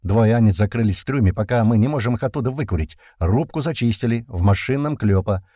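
A man's voice: mid-range voice, fast talker, mellow, no room sound, clean studio sound, natural voice. A man voicing a wounded male squad fighter giving an urgent, clipped radio report.

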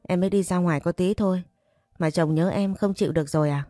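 A woman voicing a jealous, cruel young wife who threatens and taunts in a low, warm voice. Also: fast, no room sound, clean studio sound, soft background music, natural voice. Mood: mocking. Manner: taunting, menacing.

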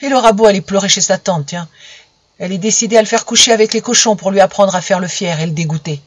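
A reader voicing a harsh farmer father who gives loud, hurried threats, in a storybook reading. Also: medium pitch, dry recording, natural voice. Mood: menacing.

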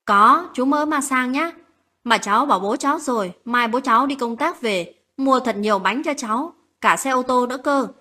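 An eager little boy chatters in a raised, piping voice, bright and excited, as a woman puts him on. His voice is light and a bit husky. He sits in a late-night audio story. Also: sits high, moderate pace, heavily acted.

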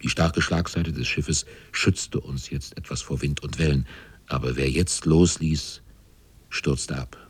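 Super deep raspy guy narrating a sea storm story, grave, very dry studio sound. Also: fairly even intonation, unhurried, no room sound. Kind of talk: scripted radio drama narration.

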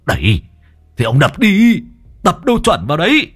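A man voicing a gruff, cursing gang boss. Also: low voice, wildly swooping pitch, fairly quick, pitched below the performer's own voice, heavily acted. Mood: angry. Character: gruff tough male gang boss, adult.

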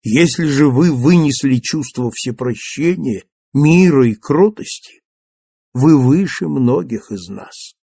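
Man voicing a gentle old bishop. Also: medium pitch, takes it slowly, gravelly, husky, no echo, studio quality, full character voice. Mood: solemn. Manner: soft, calm and kind. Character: gentle elderly bishop, calm and kindly. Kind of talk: audiobook character reading.

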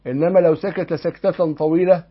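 Egyptian male religion teacher, husky voice, questioning style of explaining, lo-fi recording. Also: a little high, steady tone, brisk. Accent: Egyptian Arabic. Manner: explanatory, asks the class rhetorical questions. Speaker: Islamic law teacher. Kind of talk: explaining a legal text in a lesson. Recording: dull lo-fi lesson recording.

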